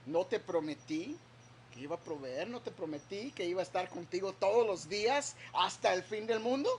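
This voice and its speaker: A man's voice: sits high, expressive, slight background noise. A male pastor preaching a sermon, reading scripture and acting out the quoted words with emphasis. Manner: slow, emphatic preaching with dramatic quoted voices.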